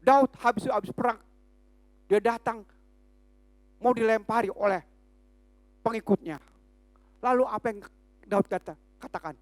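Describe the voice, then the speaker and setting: High-voiced Indonesian woman preaching a sermon. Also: no room sound. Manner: emphatic, swings from shouts to hushed slow lines.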